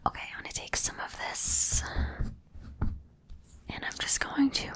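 A woman whispering softly through a whole ASMR roleplay, close to the microphone, repeating gentle words and coaxing the listener to relax. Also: unhurried. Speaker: ASMR creator.

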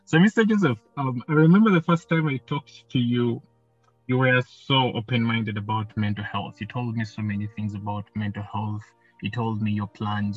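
A low, husky-voiced man hosts a podcast in a loose, conversational way, often circling back and repeating his phrases. The recording is dull and lo-fi, with faint music underneath. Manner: rambling, repeats himself. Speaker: podcast host. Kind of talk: casual interview.

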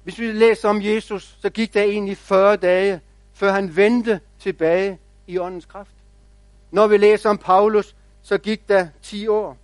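A man pastor preaching a sermon, telling stories in a measured, reflective way with quiet pauses. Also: high-pitched, little pitch movement, no room sound.

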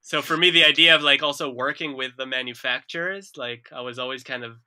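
A man, chatting casually as a musician guest in an interview, relaxed and self-deprecating. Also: medium pitch, fairly quick, a crowd in the background. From Israel.

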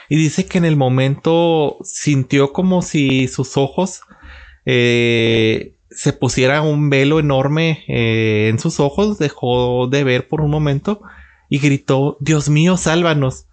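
Man retelling a story with frequent pauses. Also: on the high side. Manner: unhurried, pausing often with filler sounds. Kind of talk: unscripted religious storytelling.

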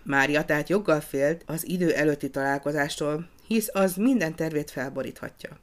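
Lively storybook narrator, expressive reading, middle-pitched voice.

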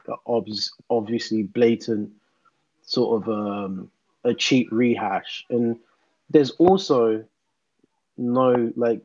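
A man's voice: lowish voice, a little mellow, dry recording, dull audio. A man talking casually in a panel discussion, laid-back and rambling with lots of fillers. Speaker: podcast co-host.

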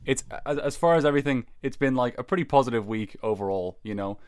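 A man in casual chat who teases and questions his friend with a quick, incredulous manner. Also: mid-range voice, smooth, no echo. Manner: teasing, incredulous, quick to laugh.

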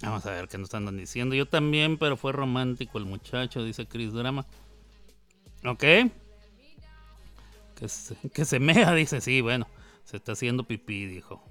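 A man's voice: medium pitch, normal speed, long pauses, a bit bright, faint music behind. A male radio host joking and teasing in playful banter on a studio microphone, laughing often.

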